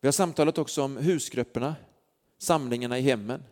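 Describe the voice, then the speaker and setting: This preacher speaks at medium pitch with a darkish tone, telling stories earnestly and filling his speech with fillers. The sermon takes place in a church hall, and a long church hall reverb surrounds it.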